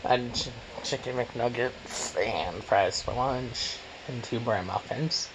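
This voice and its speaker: A man's voice: mid-range voice, slow. A man vlogging casually as he eats, rambling and repeating himself for emphasis. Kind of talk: casual mukbang chat while eating. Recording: noisy room, clattering cutlery and dishes.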